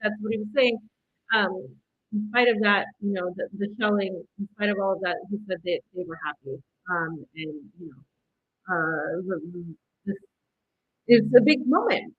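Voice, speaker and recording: A woman's voice: mid-range voice, normal speed, slightly rough, narrow, tinny audio. A woman hosting live commentary, speaking in an opinionated, emphatic way and repeating phrases for stress. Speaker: host commentator.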